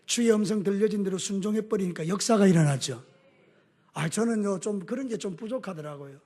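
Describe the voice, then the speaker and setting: A man with a Gyeongsang Korean accent preaching a sermon as a pastor, animated, mixing homely stories with call-and-response in a church. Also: sits high, fairly quick.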